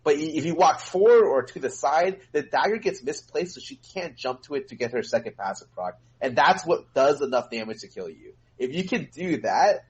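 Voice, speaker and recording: A man's voice: a little high, expressive, normal speed, few pauses, a little mellow, poor audio. A man co-hosting a casual gaming podcast, explaining game mechanics at length with many filler words. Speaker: co-host and streamer.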